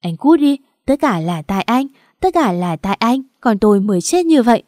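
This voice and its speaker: Woman reading desperate young mother, raised and pleading, warm dry read. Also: on the high side, normal speed, no echo, close to an everyday voice. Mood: anguished.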